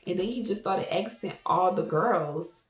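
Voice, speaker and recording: A young woman vlogger gives a casual, blunt, opinionated recap of a reality show, swearing freely throughout. Her fairly low voice is a little slow and sits far from the mic, in an echoey room with faint music in the background.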